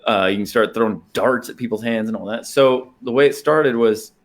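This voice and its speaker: A man's voice: mid-range voice, fairly quick. A man co-hosting a podcast in casual chat, rambling and laughing as he tells a story. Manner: rambling, laughs often, restarts sentences. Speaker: podcast co-host.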